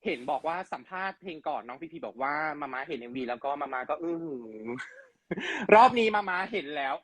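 Lively, chatty male interview host. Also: medium pitch, fairly quick. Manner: chatty, teasing, reads out fan questions. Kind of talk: casual interview.

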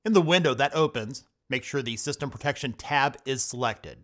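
A man hosting a computer help tutorial, reading scripted step-by-step instructions in a steady voice-over. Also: medium pitch, moderate pace. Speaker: tech tutorial host. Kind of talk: scripted screen-recording voice-over.

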